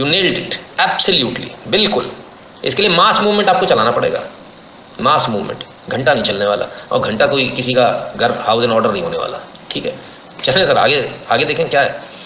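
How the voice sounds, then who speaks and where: A man's voice: mid-range voice, sharp tone, echoey room, a little hiss or hum, poor audio. A man doing live commentary on a stream and reading viewer comments, talking emphatically with rhetorical questions and sarcastic laughs.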